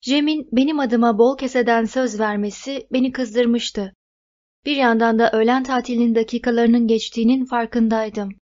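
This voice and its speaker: A woman reading a novel aloud as audiobook narrator, in an even, measured way. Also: fairly high pitch. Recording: dull lo-fi recording.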